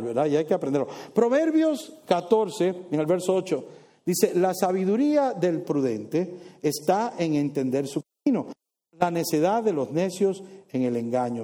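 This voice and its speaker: A man delivering a sermon in a lively, playful way, tossing teasing asides to his listeners. His voice sits high for a man, with a mellow, soft-edged tone. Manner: animated, playful asides to the congregation. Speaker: preacher.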